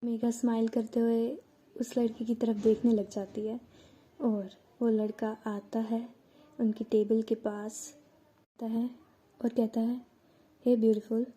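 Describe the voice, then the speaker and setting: Woman narrator, casual story telling, expressive, warm tone, fairly high pitch. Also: slow pace, slightly rough. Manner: chatty, expressive, self-correcting.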